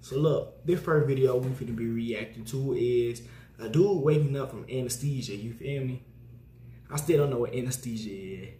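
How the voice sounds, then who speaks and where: A man's voice: medium pitch, normal speed, dark tone. A teenage guy hosting a reaction video in a casual, slangy vlog style. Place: small bare room indoors. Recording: echoey room, faint noise.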